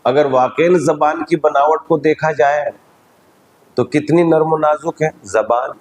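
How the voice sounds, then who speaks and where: Man giving a measured religious lecture. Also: a little high, a little mellow, rough recording. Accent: Indian Urdu. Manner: explanatory, measured, teacherly. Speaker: cleric giving a majlis sermon.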